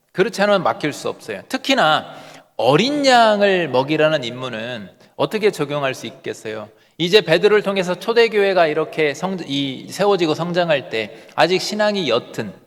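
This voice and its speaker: A man preaching as a pastor, earnest and full of rhetorical questions to the congregation. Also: fairly high pitch. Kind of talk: sermon. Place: church sanctuary. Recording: long church hall reverb.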